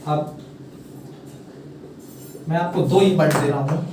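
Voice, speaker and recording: A man with a fairly high voice teaches pronunciation, repeating each question and nudging viewers to answer in the comments. He sounds far from the mic in a strongly echoing room, with faint ambience behind him. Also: takes it slowly, noisy background. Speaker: English teacher. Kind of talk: casual classroom lesson. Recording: very echoey room, mic at a distance.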